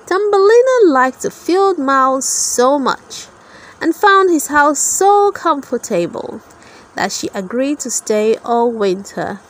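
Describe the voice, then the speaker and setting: A woman narrator reads a children's story aloud in a high voice. She speaks slowly from a script, with very lively intonation suited to toddlers.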